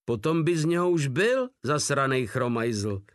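Man playing a brutal joking soldier, coarse, mocking, raised pitch. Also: very animated, no room sound, clean studio sound, natural voice. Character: huge crude male soldier, cheerfully brutal.

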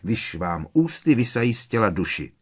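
In an audiobook, a man performs an irritated teenage boy wizard who answers curtly and impatiently, his delivery tense. He pitches the character above his own fairly low natural voice, making it exaggerated, very animated, fairly bright and breathy.

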